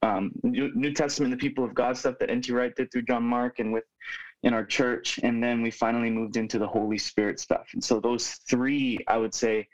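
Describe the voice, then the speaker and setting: Young man from Hawaii, youth pastor, earnest, reflective, mid-pitched, muffled lo-fi sound. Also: fairly even intonation. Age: 20s. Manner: earnest, reflective, with frequent "um" pauses. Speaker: youth pastor, podcast guest. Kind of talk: casual conversational storytelling. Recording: dull lo-fi remote audio.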